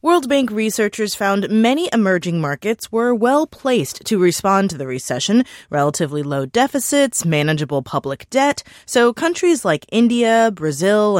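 A woman reads a scripted radio news report with lively, varied intonation. The recording is dry and close. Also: medium pitch, dry recording.

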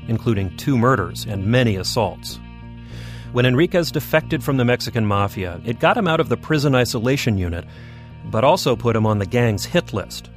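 A man with a mid-range voice hosts a radio documentary in a measured, scripted announcer read. Faint music sits under his narration. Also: mid-range voice. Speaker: documentary host.

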